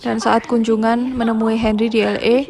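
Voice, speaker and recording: A woman retelling a film plot as a recap narrator in a plain, steady way. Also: on the high side, moderate pace, vocal fry. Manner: plain, steady retelling with a brief casual aside at the end.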